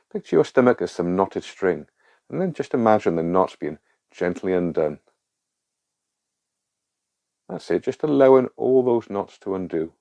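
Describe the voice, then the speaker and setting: Deep-voiced man calmly guiding a grounding exercise. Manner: calm, reassuring, instructing. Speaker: guide of a panic relief exercise.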